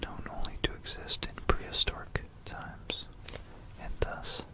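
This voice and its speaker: Leaning close to a binaural mic, an ASMR host recounts history in a breathy, voiceless whisper at a measured pace. The story wanders, broken up by playful asides to the listener.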